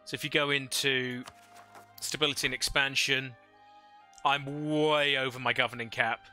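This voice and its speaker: A man's voice: mid-range voice, little pitch movement, moderate pace, sharp tone, soft background music. A man livestreaming a strategy game into a headset mic, thinking aloud and chatting with viewers. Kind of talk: casual live gameplay commentary.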